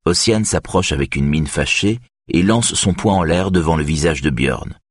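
A man reading an audiobook in measured, even scripted narration. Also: extremely low pitch, husky, dry recording, clean studio sound.

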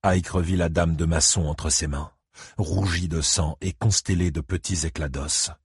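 Male narrator, very husky, low, dry close read. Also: steady tone, normal speed, no echo. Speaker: audiobook narrator. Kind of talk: scripted narration.

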